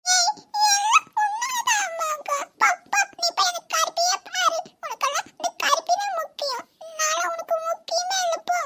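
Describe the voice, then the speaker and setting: A woman's voice: very high voice, steady tone, slow pace, heavy background noise, pitched above the performer's own voice. A woman voicing a tearful, clingy little girl in a cartoon, whining and sobbing. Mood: sulky. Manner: whiny, sobbing, pleading. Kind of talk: cartoon voice acting.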